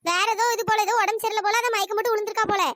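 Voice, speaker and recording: Squeaky scornful cartoon mother-in-law. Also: flat delivery, a bit bright, no room sound. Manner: scornful, scolding, quick-talking. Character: grumbling sharp-tongued village mother-in-law. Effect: sped-up high-pitched cartoon voice.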